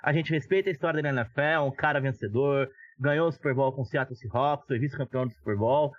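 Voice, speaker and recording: A man's voice: mid-range voice, fast talker, dry recording. A Brazilian man giving opinionated, casual sports analysis as a podcast commentator, on dull lo-fi audio.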